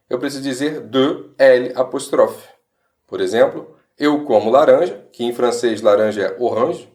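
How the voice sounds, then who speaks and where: A man with a Brazilian Portuguese accent explains French grammar in an online lesson, slowing down to pronounce each example clearly. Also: a little high, a little mellow. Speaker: French teacher.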